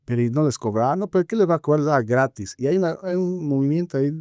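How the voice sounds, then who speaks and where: A man with a Bolivian Spanish accent co-hosts a podcast about film, his slightly high, animated and somewhat mellow voice stumbling as he hunts for words and fills gaps with tag phrases. There's no room sound on the recording.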